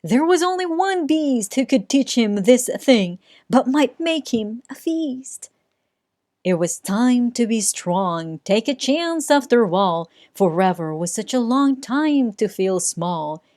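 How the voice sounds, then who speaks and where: Slow, lively woman reading a storybook. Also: fairly high pitch, no echo. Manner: sing-song rhyming delivery with dramatic pauses. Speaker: storybook reader. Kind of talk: children's read-aloud narration.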